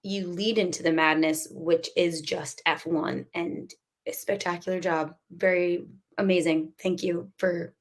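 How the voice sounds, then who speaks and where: A woman's voice: on the low side, steady tone, unhurried. A woman co-hosting a podcast in casual chat, bubbly and enthusiastic, laughing often. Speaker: podcast co-host.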